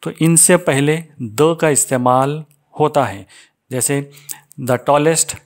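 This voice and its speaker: A man teaching English grammar, explaining in Hindi with Urdu terms and reading each English rule slowly and deliberately. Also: fairly high pitch.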